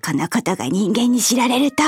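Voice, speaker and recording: A woman's voice: fairly high pitch, big pitch swings, darkish tone. A woman acting an elf over a hundred years old in a fantasy drama, with archaic old-lady speech and a playful, bossy manner. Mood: sage, confiding. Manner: archaic old-person speech, drawn-out delivery. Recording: music under the voice.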